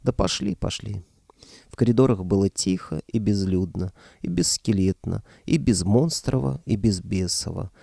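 A man's voice: low-pitched, moderate pace, vocal fry, few pauses, mellow, no echo, studio quality. A man narrating a first-person fantasy audiobook in a wry, conversational way.

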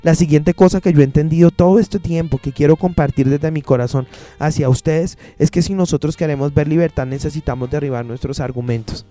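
Emphatic male pastor preaching over soft music. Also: on the high side, steady tone, brisk. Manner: emphatic, repeats phrases, acts out quoted dialogue. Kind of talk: sermon.

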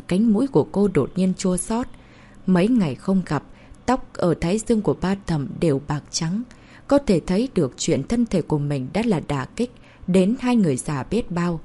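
A woman narrating a novel as an audiobook in a steady storytelling manner. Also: fairly low pitch, slightly rough.

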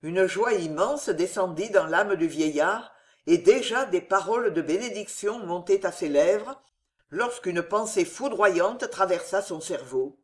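A narrator reading a historical novel aloud in a dramatic, measured manner. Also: medium pitch, animated. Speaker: audiobook narrator.

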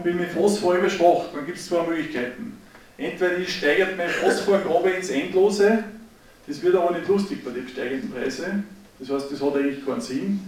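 A man's voice: on the high side, a little mellow, a little hiss or hum. A middle-aged man with an Austrian accent giving an emphatic, folksy lecture to farmers, talking straight to his audience. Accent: Austrian German. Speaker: agricultural speaker. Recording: echoey hall, distant mic.

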